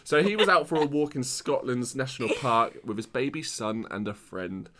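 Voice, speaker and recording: A man's voice: medium pitch, normal speed, a bit bright, slight background noise. A young British man co-hosting a casual podcast, easygoing and self-deprecating, reading out news stories. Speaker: podcast co-host.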